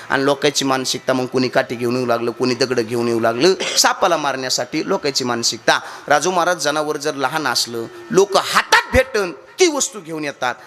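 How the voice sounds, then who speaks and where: A man preaching a devotional kirtan sermon, telling a comic story, chanting and acting out the characters in lively fashion. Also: on the high side.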